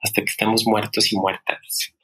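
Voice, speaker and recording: A man's voice: lowish voice, little pitch movement, normal speed, bright, forceful tone, poor audio. Young mexican guy chatting on a podcast, explains stuff playfully, laughs a lot. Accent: Mexican Spanish. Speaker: guest sex therapist. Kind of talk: casual podcast conversation.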